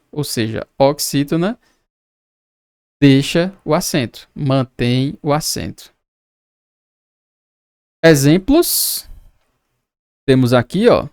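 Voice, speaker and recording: A man's voice: on the high side, darkish tone, smooth, no room sound, clean studio sound. A man from Brazil teaching an exam-prep lesson, patiently repeating and breaking down words as he explains quiz answers. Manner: patient, repeats and spells out words, casual asides.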